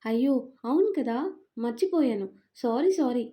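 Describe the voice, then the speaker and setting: A cheeky young daughter who whines and teases her parents with affection, as a woman puts her on. The voice sits a little high, but the tone stays warm and mellow, like a storybook read aloud. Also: expressive, normal speed, lightly acted. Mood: playful. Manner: teasing, whiny and affectionate.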